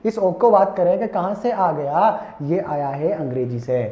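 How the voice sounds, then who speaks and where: A man teaching an exam-prep class, explaining each point over and over, calling his students friends and slowly sounding out vowels. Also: high voice, animated, dark tone. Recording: echoey room, dull lo-fi sound.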